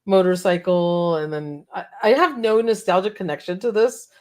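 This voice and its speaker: A woman co-hosting a casual talk show, chatty and quick to laugh, her voice a little cracked. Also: fairly low pitch. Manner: chatty, laughs often, reads out viewer comments. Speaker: podcast co-host. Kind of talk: casual chat.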